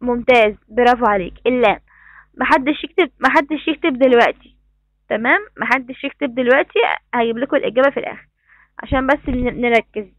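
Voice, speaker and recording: This is a woman with an Egyptian Arabic accent and a high voice, teaching young pupils over a video call. She cheers them on and repeats each instruction patiently. The sound is dry and close. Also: quick pace, dry recording, highs cut off. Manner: encouraging, repeats praise and instructions. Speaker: primary school teacher. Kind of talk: online class. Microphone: computer mic on a video call.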